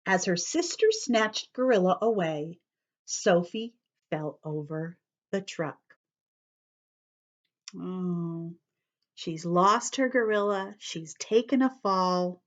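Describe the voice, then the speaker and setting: Reading a picture book to young children, this storyteller explains words as she goes, her fairly low voice animated and slow with frequent pauses. Now and then she lowers it to a whisper.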